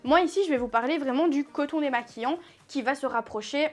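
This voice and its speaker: A high-voiced woman explains beginner sewing projects in a relaxed, chatty way. She fills her sentences with little hesitations and corrects herself as she goes. Soft music plays faintly behind her. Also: quick pace. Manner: chatty, many fillers and self-corrections. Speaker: sewing teacher. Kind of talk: casual tutorial explanation.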